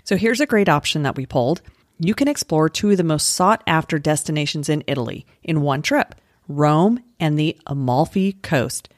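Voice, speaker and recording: A woman co-hosting a travel podcast, upbeat and quick to laugh as she chats about trips. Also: low voice, animated, dry recording, studio quality. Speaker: podcast co-host, travel agent. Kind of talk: casual podcast chat.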